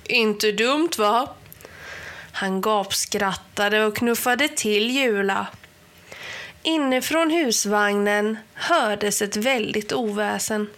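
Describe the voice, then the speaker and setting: A woman reading a children's story aloud in a clear, expressive storytelling voice. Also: medium pitch. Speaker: reader of children's stories.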